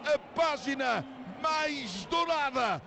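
A man with a European Portuguese accent giving fast, dramatic football commentary, excited and shouting, with drawn-out exclamations. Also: very high voice, vocal fry, crowd noise. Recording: noisy live stadium broadcast sound.

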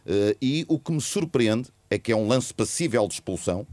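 A man's voice: mid-range voice, expressive, normal speed, a little mellow, dry recording. A man with a European Portuguese accent giving emphatic, opinionated football analysis in a panel talk.

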